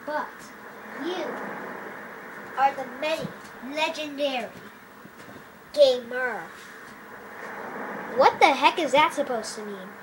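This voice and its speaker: Woman, high and unhurried, goofy roleplay narrator switching voices; hiss and noise behind. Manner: goofy, jumps between playful character voices. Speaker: roleplay narrator voicing game characters. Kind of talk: homemade game roleplay. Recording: noisy home recording.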